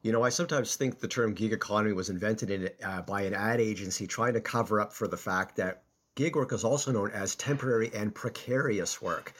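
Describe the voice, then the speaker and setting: A man's voice: on the low side, brisk, a bit bright. A man co-hosting a podcast in an explanatory style, talking into a cell phone from under a blanket in his home office. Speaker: podcast co-host, personal finance columnist.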